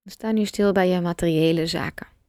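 A woman guiding a meditation, speaking slowly and softly with long pauses. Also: on the low side, clean tone, no echo, studio quality. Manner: slow, soft and calm, with long pauses. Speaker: meditation guide. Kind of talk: guided meditation.

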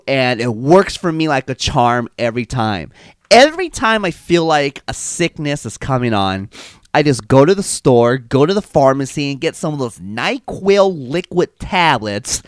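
A man's voice: mid-range voice, very animated, unhurried, no room sound. A man hosting his own podcast in a chatty, sarcastic, rambling monologue, still slightly stuffy from a cold. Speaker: podcast host. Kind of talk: casual solo podcast monologue.

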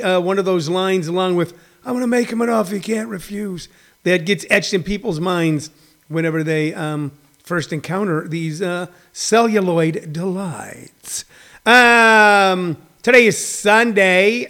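A male host chatting casually to his listeners in a halting, digressive, self-deprecating way. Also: sits high, a bit bright. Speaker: host of a daily live streamed comedy radio show. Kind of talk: casual, rambling chat to listeners.

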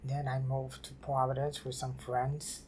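An older woman from New City, telling her life story haltingly in an oral history interview. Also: extremely low pitch, little pitch movement, a little mellow, slight background noise. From New York City. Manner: halting, repeats and restarts phrases. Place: library office.

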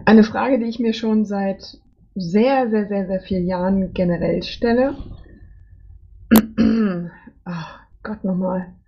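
Woman, podcast interviewer, husky voice, curious chatty questions, clearing throat, dull lo-fi recording. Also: medium pitch, slow, long pauses.

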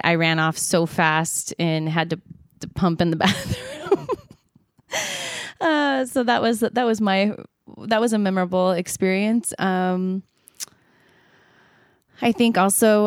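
Smooth and lowish with fairly even intonation, a thirties-aged singer speaks at a measured pace in a dry studio recording. As a podcast co-host she tells candid, chatty stories about her gigs with many fillers and quick laughs; she sings in Spanish, which isn't her first language.

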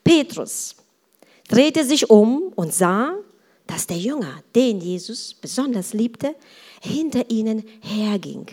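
Woman preacher, middle-aged, fairly high voice, lively sermon delivery with loud peaks and soft asides. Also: slow pace. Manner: animated, shifts between loud emphasis and quiet asides. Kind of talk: sermon with Bible reading.

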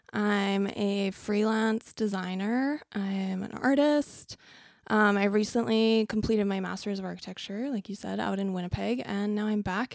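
Creaky young Canadian woman, dry studio sound. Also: medium pitch, no echo. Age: young adult. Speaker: podcast guest, freelance designer. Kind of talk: casual interview. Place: studio, in person.

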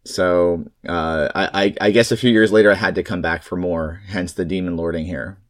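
A man's voice: low voice, steady tone, normal speed. A man hosting a podcast in casual, jokey, rambling chat. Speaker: podcast host.

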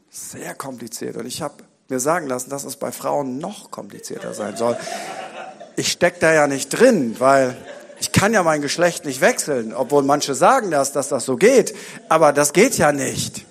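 Guest preacher, male, high voice, lively sermon style with repetition and jokes. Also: vocal fry. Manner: animated, repetitive rhetorical build-ups with joking asides. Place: church.

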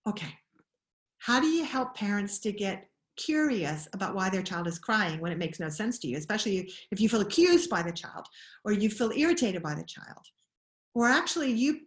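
A parenting educator explains her ideas in an interview, earnest and animated, often restarting her sentences. Her voice is mid-range, and the recording has a roomy sound.

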